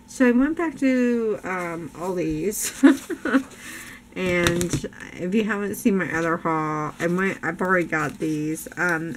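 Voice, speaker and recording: An older woman with a fairly low voice shows off a craft haul at home, chatty, enthusiastic and laughing often even as she loses her voice. A camera above her craft room table captures this noisy home recording.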